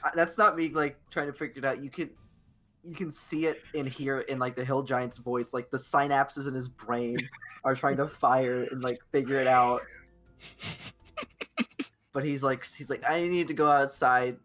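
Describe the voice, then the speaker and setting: A man's voice: medium pitch, level tone, moderate pace, fairly bright tone, faint music behind. Casual man game master narrating. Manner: casual, rambling description with fillers.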